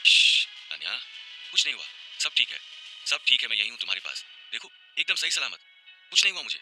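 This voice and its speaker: Brief: devoted young tough guy in an audio story, gentle and comforting, firm on vows, man doing it. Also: fairly low pitch, lively intonation, fast, faint music behind, exaggerated voice. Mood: soothing. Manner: tender and reassuring, firm when vowing.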